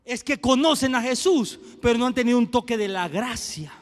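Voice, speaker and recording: Pastor, male, very high bright voice, preaching in a reverberant hall with soft music under it. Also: animated, a little fast. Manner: swings from hushed asides to shouted preaching. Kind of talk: sermon. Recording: long hall reverb, faint music behind.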